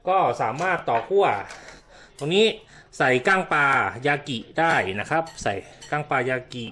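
A man's voice: fairly high pitch, fairly bright tone. A man giving a casual hands-on product demonstration, explaining step by step and often repeating himself with polite particles. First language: Thai.

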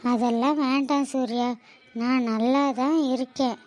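A woman voicing a young wife in a cartoon drama, weak with fever and speaking softly, tender and a little teasing. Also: sits high, steady tone, a little slow.

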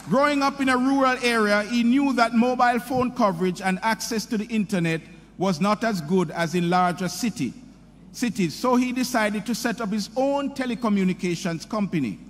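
A middle-aged man at a podium formally introducing a commencement speaker, reading a prepared script in a measured, sing-song delivery. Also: very high voice, a little hiss or hum. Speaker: university president introducing the speaker. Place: large hall, speaking at a podium. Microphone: podium microphone. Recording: hall reverb with faint ambience.

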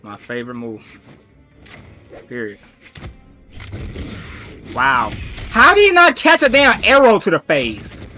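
A man's voice: fairly high pitch, huge pitch swings, slow, pauses often, bright, forceful tone. A young man giving exasperated, profane live commentary on his own gameplay. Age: young adult. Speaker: gaming streamer. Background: game music.

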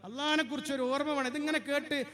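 Very high-pitched male preacher. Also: steady tone, a crowd in the background. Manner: emphatic, slows to chant Arabic phrases. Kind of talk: Ramadan sermon storytelling.

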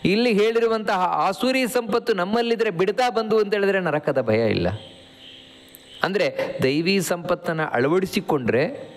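Man giving a scripture discourse in a reverberant hall. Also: fairly high pitch. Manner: explains Sanskrit verses line by line, slow recitation of verses. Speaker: spiritual teacher.

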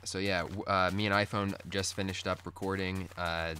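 Man, low morning voice, casual gaming update, rambling, laid-back, faint background noise. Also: little pitch movement, moderate pace, pushed and bright. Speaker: gaming video host. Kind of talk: casual Let's Play update chat. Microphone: recorded through screen-capture software. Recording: poor audio with background noise.

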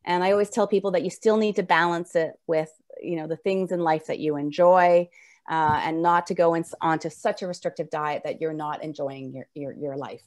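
Middle-aged female nurse presenter, slightly low voice, slushy slurred s, informal webinar teaching over slides. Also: steady tone, normal speed, darkish tone. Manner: slurred, slushy s sounds from wearing braces. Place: indoor room, video call.

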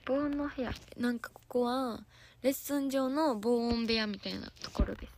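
A hoarse young woman with a Kansai accent, an idol trainee giggling and chatting casually with viewers on a livestream from a soundproof room. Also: on the high side, normal speed, a little mellow, a little hiss or hum. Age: young adult.

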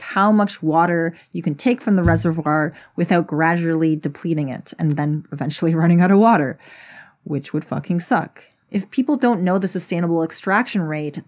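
Woman video essayist, lowish voice, blunt sweary delivery with sarcastic asides. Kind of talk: casual spoken video essay.

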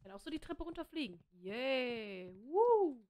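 A woman's voice: high voice, very animated, unhurried, dark tone. A woman doing playful gameplay commentary as a streamer, reacting aloud and translating dialogue, close to a desk mic. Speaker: game streamer. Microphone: desk microphone close to mouth, headset on.

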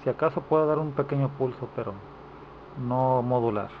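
A man demonstrates hands-on repair work informally indoors, speaking at medium pitch and a moderate pace. Recorded via a handheld camera microphone, the audio is dull and lo-fi with clear background noise.

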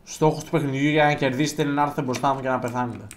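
A man giving live gameplay commentary as a streamer, chatting to viewers and bursting into loud exclamations. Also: medium pitch, fairly even intonation, a little hiss or hum. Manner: chatty, addresses viewers directly.

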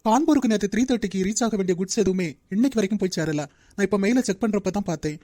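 A woman voicing a strict young male company manager in a cartoon, who talks in a brisk, lecturing way. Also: mid-range voice, dark tone, dry recording, studio quality, natural voice. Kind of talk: Tamil cartoon dub.

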